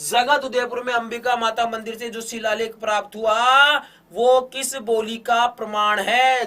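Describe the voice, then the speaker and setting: High-pitched playful quiz teacher. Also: male voice, recorded from a distance. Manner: playful, rapid-fire quiz questions, repeats key phrases; gets loud and emphatic in later questions. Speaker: exam-prep teacher. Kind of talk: online exam coaching lesson.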